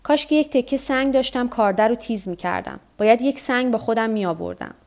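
A woman's voice: on the high side, a little mellow, close to an everyday voice. A woman reading the part of a weary, stubborn old fisherman who talks to himself. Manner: talks to himself, tired and rueful.

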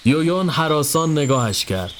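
A man giving a scripted narration of a horror story in a steady storytelling voice. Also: slight background noise. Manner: steady storytelling, dropping low for tense moments. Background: faint music.

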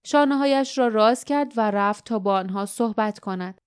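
A woman narrating an audiobook in a clear, even reading voice. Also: mid-range voice, no room sound, studio quality. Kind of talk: scripted narration.

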